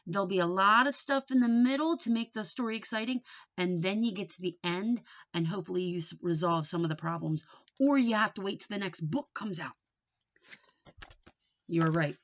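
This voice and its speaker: A woman with a lowish voice teaches and reads aloud to young children, explaining things simply, asking them questions and reading with deliberate expression. The recording sounds dull and lo-fi.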